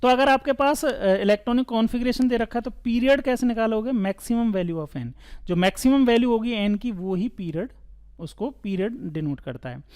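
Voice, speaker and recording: A man's voice: very high-pitched, fairly quick, darkish tone, smooth. A man teaching chemistry at a board in a casual, chatty way, asking the class questions and answering them himself. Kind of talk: board lesson.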